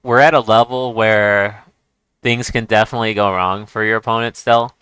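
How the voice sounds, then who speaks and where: A man's voice: fairly low pitch, steady tone, normal speed, fairly bright tone, smooth, no room sound. A man giving casual chess commentary as he plays, thinking aloud and restarting his sentences. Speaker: chess streamer.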